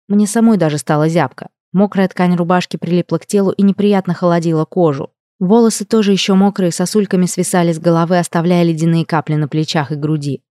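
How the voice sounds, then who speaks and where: A woman narrates a first-person audiobook in a low, warm voice. The sound is close and dry. Her storytelling is expressive and emotional. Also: no echo.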